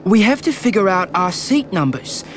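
A man's voice: high voice, big pitch swings, normal speed, fairly bright tone. A man playing a street-smart young racer in an audio drama, earnest and a little anxious. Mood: organised. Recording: clear background noise, outdoor ambience.

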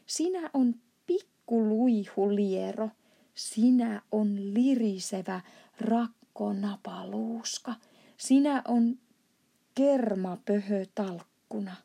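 A woman reading aloud does a hulking man-eating giant from a storybook, loud and gloating as he rattles off insults. The voice is mellow and breathy, with a gravelly edge. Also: mid-range voice. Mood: gloating, insulting. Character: boastful, brutish male giant who eats children.

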